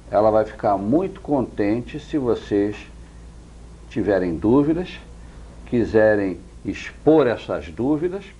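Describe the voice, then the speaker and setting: A Brazilian man hosts a chatty TV interview, speaking Brazilian Portuguese in a mellow, fairly low voice. He is effusive and addresses viewers as friends, and the audio is dull lo-fi TV sound with slight background noise.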